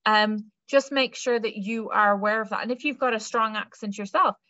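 Recorded through a webcam or laptop microphone on a video call, the slightly dull lo-fi audio features a young woman from Ireland working as a careers adviser. Her online talk is conversational, with many fillers and restarts. She speaks at a moderate pace in a sharp, medium-pitched voice with no room sound.

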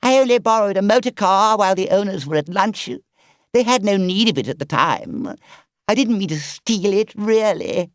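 A man's voice: sits high, animated, moderate pace, dry recording, studio quality, voice pushed up. A man voicing a boastful, self-pitying male toad who pleads theatrically in a storybook reading. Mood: sheepish.

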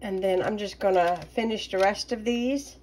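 A middle-aged woman chatting casually through a home baking vlog, relaxed and talkative with plenty of ums. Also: medium pitch, normal speed, a little hiss or hum. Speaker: home cooking vlogger. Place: home kitchen.

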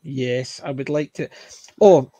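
A man's voice: mid-range voice, takes it slowly, dark tone, no echo. A man from the UK co-hosting a podcast, chatting eagerly about old TV shows and trailing off mid-thought. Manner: chatty, enthusiastic, trails off and restarts. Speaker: podcast co-host. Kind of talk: casual chat about TV shows.

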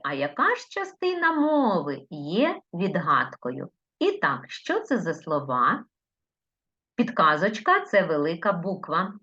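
Slow sing-song Ukrainian woman teacher. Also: fairly low pitch, pushed and bright, lo-fi sound. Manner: slow, sing-song, stretches words, coaxing questions to children. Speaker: primary school teacher. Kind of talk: recorded remote lesson for children.

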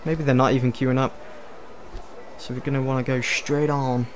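A man's voice: medium pitch, flat delivery, moderate pace, a little hiss or hum. A man hosting a casual let's play, chatting, joking and thinking aloud as he plays. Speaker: gaming video host. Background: game music.

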